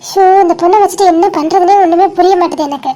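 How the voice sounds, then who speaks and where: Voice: extremely high pitch, fast talker, warm tone. A performer voicing a bossy, caring young woman in a cartoon who scolds and nags her friend insistently. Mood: scolding. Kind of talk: dramatic cartoon dialogue.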